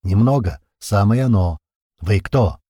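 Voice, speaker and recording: A man voicing a battered, burly, swearing man with a hoarse, hissing voice who barks rough orders. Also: lowish voice, animated, unhurried, mellow, no echo, clean studio sound. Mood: barking, demanding.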